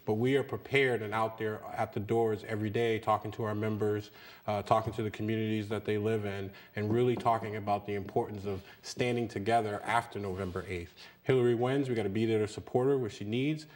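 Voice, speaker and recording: Brisk and fairly even in intonation, this lowish male voice belongs to a union leader in his thirties being interviewed as a guest in a small TV studio. He comes across as earnest, repeating words for emphasis.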